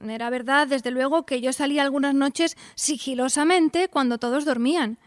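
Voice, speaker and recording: An actress plays a high-voiced, melodramatic young single lady of the 1890s, romantic and self-dramatising, as narrator and lead of a radio play. The first-person monologue is lightly acted at normal speed on a dry recording, with a coquettish, confiding mood.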